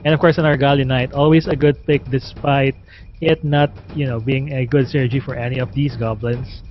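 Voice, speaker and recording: A man's voice: medium pitch, steady tone, brisk, a little hiss or hum. A man giving live commentary on an esports match, talking conversationally with frequent fillers. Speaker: esports caster. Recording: dull lo-fi stream audio with game music.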